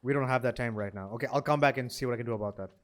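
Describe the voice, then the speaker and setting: A man playing a tabletop game, eager and full of questions, with quick restarts. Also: medium pitch. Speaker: player.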